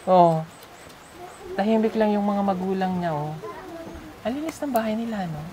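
With a crowd audible in the background, a woman vlogger speaks at normal speed in an expressive, mid-range voice. Visiting a sponsored child's family at home, she keeps the casual vlog chat going with lots of questions, coaxing and teasing.

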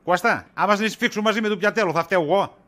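A man's voice: sits high, sharp tone. A man playing a tired middle-aged shopkeeper in a comedy sketch, exasperated and dodging his wife's questions with wisecracks. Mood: annoyed. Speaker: husband.

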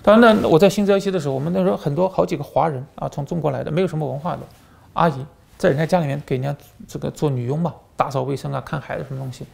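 Here a former journalist turned channel host rattles off political commentary in a rapid-fire, gravelly voice that sits a little high and carries a darkish tone. His storytelling is animated and heavy with fillers and repeated words.

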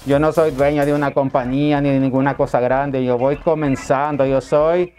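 A man's voice: mid-range voice, little pitch movement, normal speed, a little mellow, faint music behind. A man with a Salvadoran accent talking politely and a little hesitantly as a customer in a phone conversation. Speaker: caller, prospective customer. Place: indoors, small room. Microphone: lapel mic.

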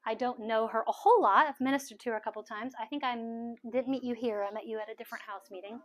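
Soft-spoken woman minister praying over people. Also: on the high side, fairly even intonation, fast talker. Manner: soft-spoken, coaxing prayers, repeats phrases. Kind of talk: prayer ministry at a house meeting. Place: large living room full of people.

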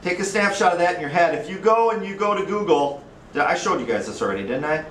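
A man's voice: on the high side, animated, fast talker, a bit bright, slight background noise. Midwest guy teaching a class, chatty, asks questions a lot, echoey room, mic far away. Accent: Upper Midwest American. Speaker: instructor. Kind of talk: classroom lecture.

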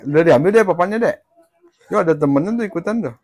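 A man's voice: fairly high pitch, expressive, fast talker, darkish tone, no echo. A middle-aged man, chatting casually while playing an online game with his child and keeps asking questions to guide them along. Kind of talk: casual gameplay chat.

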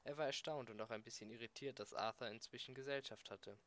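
A man's voice: medium pitch, fairly even intonation, fast talker, a bit bright. Man reading an amateur audiobook. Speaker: audiobook reader.

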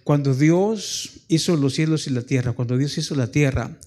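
Man preaching with sudden loud rises. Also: fairly high pitch, moderate pace. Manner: calls listeners "hermanos" and asks for amen. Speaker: pastor. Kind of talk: sermon. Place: church.

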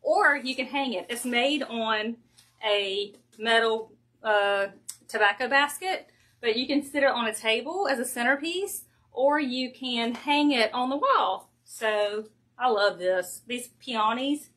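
Talking into a phone at home, this woman runs a relaxed wreath-making livestream in a Southern Georgia accent. Her voice sits on the high side and sounds animated and fairly bright, and she gushes, chats freely, and is quick to laugh.

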